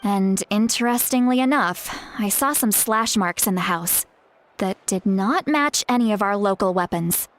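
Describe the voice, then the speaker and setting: An actress playing an earnest, caring woman guide in a fantasy video game, speaking in a measured, explanatory way. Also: mid-range voice, lightly acted. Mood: concerned, thoughtful. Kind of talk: scripted video game dialogue.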